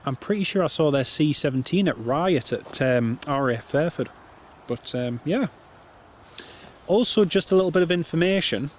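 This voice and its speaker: A man with a Northumbrian accent close to Geordie, chatting casually and warmly to viewers as a live planespotting streamer, often repeating his phrases. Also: fairly high pitch, lively intonation, normal speed, slight background noise. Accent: Northumbrian, near Geordie. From North East England. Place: outdoors by an airport runway.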